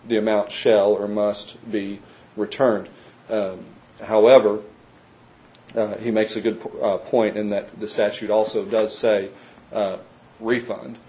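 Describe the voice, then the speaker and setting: Low, flat, mellow-voiced man arguing a case. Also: rough recording. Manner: measured and legalistic, many "uh" fillers. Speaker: taxpayer presenting his case. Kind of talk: formal argument at a public meeting.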